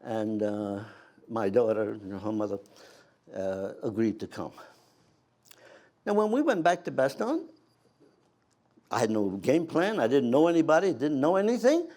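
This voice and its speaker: With a mid-range voice, an old American veteran aged 80 or above spins animated wartime tales, acting out the conversations. His telling is halting, full of restarts.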